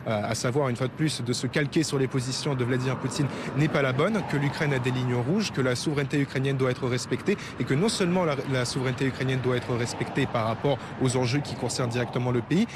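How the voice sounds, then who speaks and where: A male news correspondent reports live from outdoors. His voice has a medium pitch, and urban vehicle noise is clearly audible behind it. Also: quick pace, few pauses. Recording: noisy outdoor urban traffic ambience.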